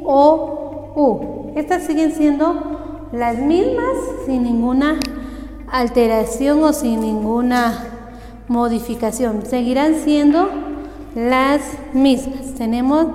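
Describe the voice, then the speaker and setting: A woman's voice: sits high, a little mellow. A woman teaching a language lesson, carefully sounding out letters and their sounds one at a time. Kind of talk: slow spoken lesson. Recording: echoey room with long reverb and faint music.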